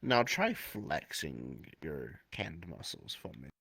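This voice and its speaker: A man from Russia chatting casually with a game partner in a laid-back, drawn-out way. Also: rumbling low, sing-song, vocal fry, a bit bright, slightly rough. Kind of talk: casual chat during roleplay game.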